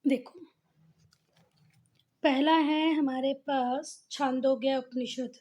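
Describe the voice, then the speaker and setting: A woman's voice: sits high, steady tone, slow pace, darkish tone, dull audio. A woman teacher giving a lesson in a casual, repetitive style, calling her pupils "beta" and making them say each term again. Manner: talks to pupils as "beta" and "bhaiya", repeats and drills words. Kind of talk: classroom lesson with board writing.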